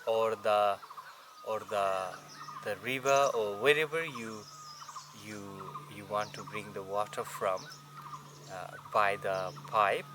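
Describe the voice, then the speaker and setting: A man who is a non-native English speaker gives an unscripted yoga lesson as a teacher, halting and searching for words. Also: mid-range voice, background noise. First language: not English. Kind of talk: unscripted instructional explanation.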